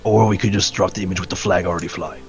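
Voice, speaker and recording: Very deep-voiced man, stammering game player. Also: fairly even intonation, fast, soft background music. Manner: stammering, repeats words. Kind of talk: casual chat while role-playing.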